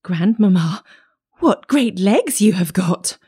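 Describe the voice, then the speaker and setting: Little country girl acted by a woman: high, swooping, sweet and naive, singsong storybook delivery. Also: wildly swooping pitch, moderate pace, a little mellow. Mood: amazed.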